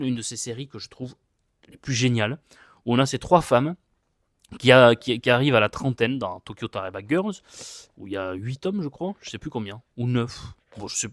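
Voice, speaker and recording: A man's voice: mid-range voice, no room sound. Chatty man reviewing manga, dry sound. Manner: chatty, rambling, frequent hesitations and repeated words; self-mocking about his English accent. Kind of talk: casual review monologue.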